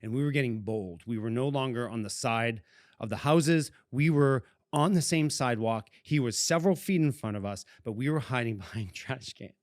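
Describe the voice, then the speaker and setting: A man's voice: mid-range voice, moderate pace, no room sound, studio quality. A man co-hosting a podcast, telling a childhood story casually and breaking into fits of giggling. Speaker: podcast co-host.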